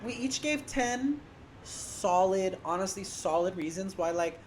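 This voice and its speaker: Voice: mid-range voice, expressive, measured pace, slight background noise. A person in their twenties, co-hosting a casual podcast chat and filling their talk with "like" and "you know". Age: 20s. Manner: chatty, fillers with "like" and "you know". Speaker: podcast co-host.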